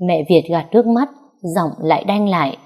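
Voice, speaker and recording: A woman narrating a novel in a soft, even storytelling manner, reading the characters' dialogue quietly. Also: on the low side, moderate pace. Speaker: audiobook narrator.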